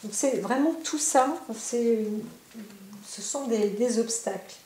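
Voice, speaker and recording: Woman, psychic card reader, speaks straight to the viewer, many fillers, slightly high voice, roomy room. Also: takes it slowly, dark tone. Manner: talks directly to the viewer, many fillers and tag questions. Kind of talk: spontaneous oracle card reading to camera.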